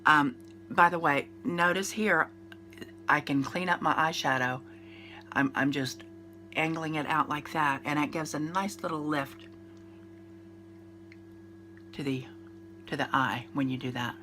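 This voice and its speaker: Deep and sharp-toned, this woman's voice is unhurried and full of pauses as she chats through her makeup routine. She's a beauty vlogger in her fifties, nasal and congested with a cold, rambling casually with fillers and restarts, over slight background noise.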